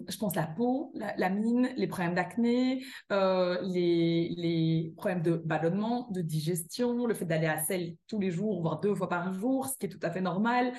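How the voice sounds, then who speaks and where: Belgian woman chatting away as a guest, lots of euh and restarts, laughs easy, average pitch. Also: a little mellow. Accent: Belgian French. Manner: chatty, many fillers and restarts, laughs easily. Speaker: guest, author and yoga teacher. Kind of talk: casual interview conversation.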